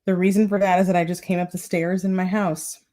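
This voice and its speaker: A woman's voice: lowish voice, little pitch movement, brisk, mellow. A woman hosting a casual live stream from her home, chatty and playful, a little out of breath and calling her viewers y'all. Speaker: style vlogger hosting a live Q&A.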